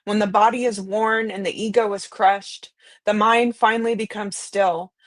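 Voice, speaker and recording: A woman's voice: mid-range voice, fairly even intonation, moderate pace, no echo. Woman, co-host, reading quotes, emphatic, dry close mic. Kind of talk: reading quotes aloud in a live talk.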